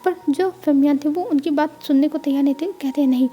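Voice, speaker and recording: A woman's voice: high voice, steady tone, quick pace, mellow, highs cut off. A woman retelling a romance fanfiction in a dramatic, flowing narration. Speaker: storyteller.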